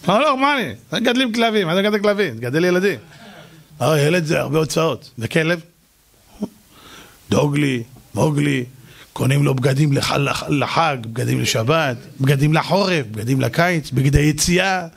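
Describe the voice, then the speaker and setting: A rabbi giving a humorous lecture, telling animated stories and acting out their dialogue. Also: male voice, on the high side, creaky. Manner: animated storytelling with acted-out dialogue.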